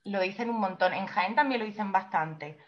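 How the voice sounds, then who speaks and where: A woman's voice: medium pitch, moderate pace, muffled recording. A woman, an actress and guest, chatting casually and laughing easily. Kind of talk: casual chat.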